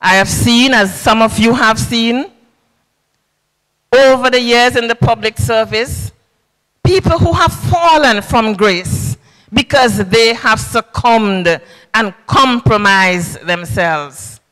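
A woman in her fifties, a government official, delivers a lay sermon at a public service church service from a podium in a large indoor hall. Her slowish, bright voice sits a little high and sounds preacherly, emphatic, repetitive and sing-song. Long reverb fills the handheld-mic recording.

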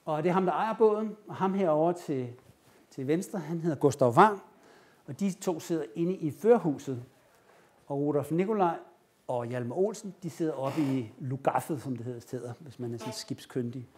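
Man, lecturer, fairly high voice, animated storytelling, acted-out quotes. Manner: animated retelling, acting out quoted lines. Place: lecture room.

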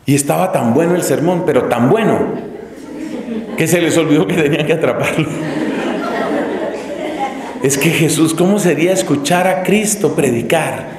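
A man's voice: fairly high pitch, normal speed, long pauses, a crowd in the background. A man from Colombia preaching a teaching sermon, telling stories dramatically and acting out the voices of crowds and characters. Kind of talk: classroom sermon. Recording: echoey hall with long reverb.

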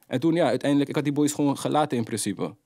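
A young adult man tells stories in lively, slang-heavy talk. His voice sits at an ordinary middle pitch. The sound is dry and close. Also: rapid-fire, no echo. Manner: animated, slang-heavy street storytelling. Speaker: guest rapper. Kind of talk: casual interview storytelling.

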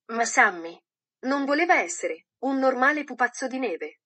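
A woman reading a children's storybook aloud in a gentle, measured way. Her voice sits a little higher than most women's. The delivery is calm, steady and scripted. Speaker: audiobook narrator.

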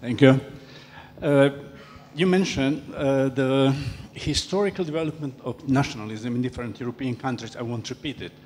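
An older man asking a question from the audience into a handheld mic, speaking haltingly with pauses. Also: medium pitch, darkish tone. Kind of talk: public Q&A question. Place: large dark hall, standing. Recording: hall reverb with a faint hum.

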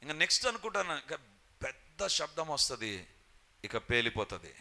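Bright-voiced preacher telling a story. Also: male voice, on the high side, big pitch swings, moderate pace, vocal fry. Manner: storytelling, acts out shouted quotes. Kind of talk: sermon testimony.

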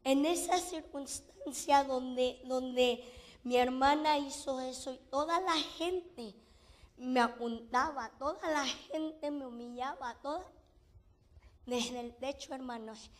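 A woman's voice: high-pitched, slow pace. A middle-aged woman giving an emotional church testimony, restarting phrases and slipping in English fillers. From Mexico. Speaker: testimony speaker to a congregation.

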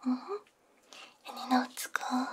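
A woman ASMR VTuber plays a robot repairer, whispering a soothing roleplay very close to a binaural ear microphone. Her high-pitched whisper is breathy and mostly unvoiced, soft and unhurried with gentle murmurs, over some background noise.

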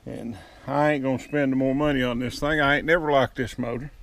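Gravelly-voiced man touring a sawmill. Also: mid-range voice, steady tone, fairly quick, fairly bright tone, slight background noise. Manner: folksy rural dialect with double negatives. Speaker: sawmill owner. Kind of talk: casual walkaround tour. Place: outdoor sawmill yard. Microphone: head-mounted action camera.

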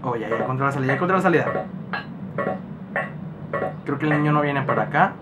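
A man playing a horror game and talking to himself, panicking often and repeating words fast. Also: mid-range voice, heavy background noise. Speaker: gaming youtuber. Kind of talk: horror game let's play. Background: loud game music.

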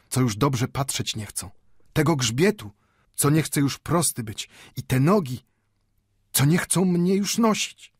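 A man's voice: medium pitch, slightly rough, no echo, studio quality, pitched above the performer's own voice. A man voicing an old, proud and impassioned male bookbinder with a Yiddish-inflected accent, arguing with rhetorical questions. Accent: Yiddish-inflected Polish. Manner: pleading, rhetorical questions, rising to fervor.

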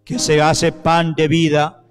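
A solemn priest speaks at the altar of a church sanctuary, his fairly high male voice monotone and his phrasing slow and measured. He leads a liturgical prayer and the renewal of baptismal promises into a handheld microphone while soft piano music plays beneath him.

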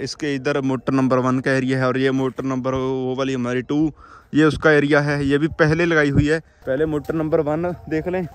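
A man with a Punjabi accent, a farmer vlogger narrating and reflecting on how his season is going. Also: medium pitch. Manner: reflective, explains his farming choices.

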